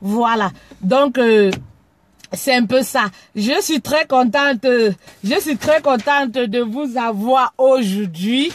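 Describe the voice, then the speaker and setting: Woman, from Cameroon, live stream host, frank, stammers and repeats words, high voice. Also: slow. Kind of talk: casual live video talk.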